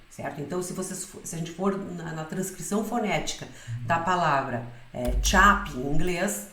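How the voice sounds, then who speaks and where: A woman's voice: fairly low pitch, echoey room. A woman teaching a Spanish pronunciation lesson in Portuguese, explaining patiently and often checking in with her students.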